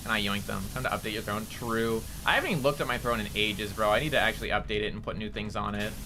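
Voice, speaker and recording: A young man streams a game and rambles casually to chat, answering messages in a chatty, nasally voice. He's lowish-pitched and fast, with background noise audible.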